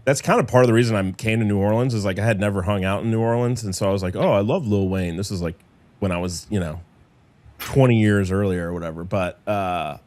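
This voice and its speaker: A man's voice: on the low side, fast talker, darkish tone, dry recording. A man hosting a casual podcast chat, talking loosely with lots of fillers and jokes. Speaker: podcast host. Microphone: remote call.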